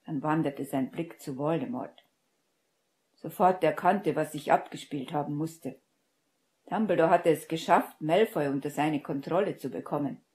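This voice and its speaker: A woman narrates a fan-fiction audiobook in a steady, measured reading. Her voice sits very low for a woman and has a dark, mellow tone. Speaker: audiobook reader.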